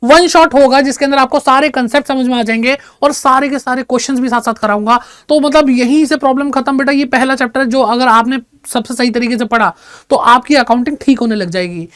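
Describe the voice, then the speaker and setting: A man teaching an energetic class. He asks his students questions, answers them himself, and calls them "beta". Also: very high voice, fairly quick, clean tone, no room sound, studio quality. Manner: chatty, mixes in English terms.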